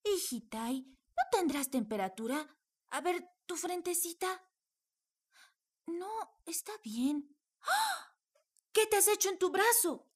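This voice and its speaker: A woman's voice: very high-pitched, big pitch swings, slow, pauses often, exaggerated voice. An actress playing a loving working mother who speaks tenderly and anxiously to her daughter. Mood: tender, worried.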